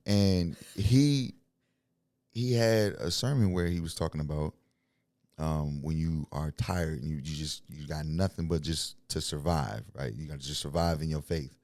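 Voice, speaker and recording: A man's voice: very deep voice, a little slow, darkish tone, no echo. A young man talking about his faith in an interview, blunt and preachy, telling stories and laughing often. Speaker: guest, signed music artist. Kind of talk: faith-centered interview talk.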